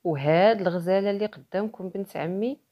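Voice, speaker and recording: A woman's voice: medium pitch, fast, muffled recording, natural voice. A woman with a Moroccan accent voicing a sorrowful old sheikh who earnestly recounts his tale in a folktale. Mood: sorrowful recounting. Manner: earnest, storytelling.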